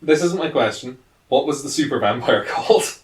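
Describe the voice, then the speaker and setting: A man, a player in a casual tabletop game who eagerly plans his moves out loud. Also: medium pitch, animated, moderate pace, slight background noise. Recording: echoey room, mic off at a distance.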